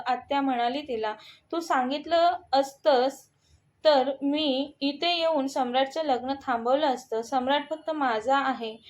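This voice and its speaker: A woman's voice: high voice, darkish tone, muffled recording. A woman narrating a romantic short story, reading every character's lines in her own voice.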